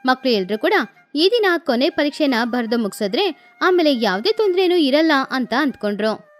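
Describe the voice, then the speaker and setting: Brief: woman storyteller for a kids' cartoon; high, lively, faint music under it. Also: moderate pace. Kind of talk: scripted cartoon narration.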